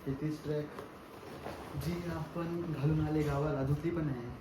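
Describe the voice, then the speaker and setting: A man's voice: a little high, steady tone, measured pace, background noise. A young man casually vlogging from his village home, chatting and mixing in English words. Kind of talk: casual vlog chat. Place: village house.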